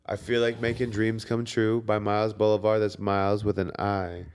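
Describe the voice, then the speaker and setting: A male musician guest on a podcast, excitable and slangy in casual chat. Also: lowish voice, moderate pace, a little hiss or hum.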